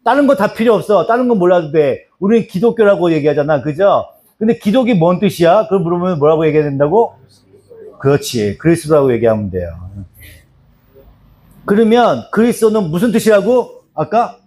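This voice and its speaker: Lively-pitched pastor quizzing his flock. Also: fairly quick. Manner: repetitive, drills answers and calls on people by name. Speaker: pastor teaching doctrine. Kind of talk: church Bible lesson, quizzing listeners. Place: small church.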